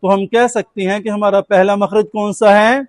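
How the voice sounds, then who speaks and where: A Quran teacher with a high-pitched, flat voice speaks at normal speed over a faint hiss or hum. He teaches a class patiently, posing questions and having his students answer back in call-and-response fashion.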